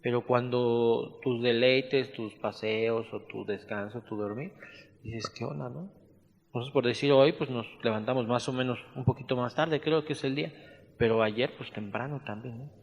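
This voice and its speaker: A man with a Mexican accent teaching a Bible study class, dictating notes slowly and adding casual asides. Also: medium pitch, steady tone, dull audio. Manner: slow, spelled-out dictation mixed with conversational asides. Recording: echoey hall reverb.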